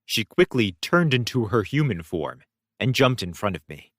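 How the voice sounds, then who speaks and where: A man narrating a novel in the first person, wry and expressive. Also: lowish voice, moderate pace, no room sound, studio quality. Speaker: audiobook reader.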